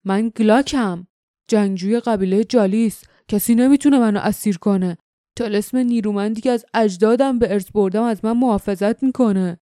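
A woman's voice: medium pitch, fairly even intonation, warm tone, clear, resonant tone, dry recording, studio quality, lightly acted. A woman voicing a huge, wild male warrior who grumbles and boasts. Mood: gruff.

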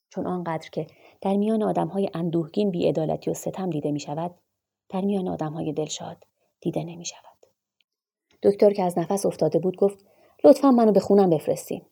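Female narrator, literary audiobook, measured and dramatic; mellow, lowish voice. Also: gravelly, husky.

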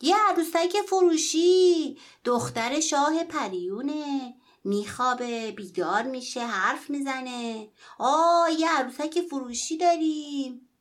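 A woman's voice: sits high, voice pushed up, natural voice. Woman doing a pleading poor little boy. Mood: calling out. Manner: pleading and calling out loudly. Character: poor young boy peddling a doll in the snow, pleading.

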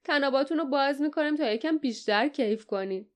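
A woman's voice: high voice, voice pushed up, natural voice. A woman voicing a cruel, mocking sea-raider chief who sneers at captives. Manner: scornful, sneering.

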